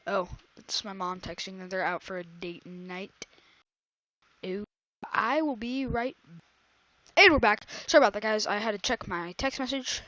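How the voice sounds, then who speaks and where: A woman's voice: medium pitch, a bit bright, lo-fi sound. A woman doing casual let's-play commentary, rambling and melodramatic, on a close desk microphone at home. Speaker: gaming YouTuber. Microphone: desk microphone close to her breathing.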